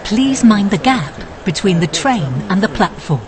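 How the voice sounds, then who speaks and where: A woman's voice delivers an automated train announcement at an unhurried pace, each stop named calmly and evenly. Steady rumble of a moving train sits clearly under her words. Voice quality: calm, measured announcer delivery.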